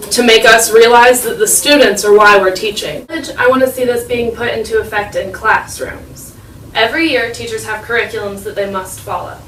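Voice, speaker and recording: A high school girl in her late teens giving an earnest persuasive speech with emphatic repetition. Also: fairly bright tone, a little hiss or hum. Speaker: high school student speaker. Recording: echoey room, mic far off.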